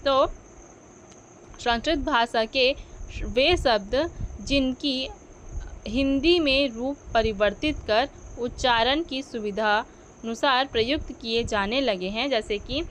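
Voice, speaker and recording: A woman's voice: high-pitched, slow pace, a bit bright, slight background noise. A woman teaching a grammar lesson, asking questions and answering them herself, correcting her own slips as she goes.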